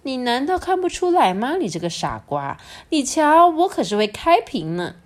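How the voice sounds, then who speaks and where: A woman's voice: high voice, big pitch swings, moderate pace, darkish tone, voice pushed up. Woman playing a vain, boastful storybook peacock. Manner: haughty, scolding.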